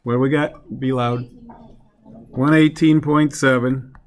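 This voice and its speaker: A male chemistry teacher lecturing in a classroom. He talks slowly and leaves room between phrases, with a mid-range voice. He keeps stopping to put questions to the class as he works a problem through. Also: mid-range voice, steady tone.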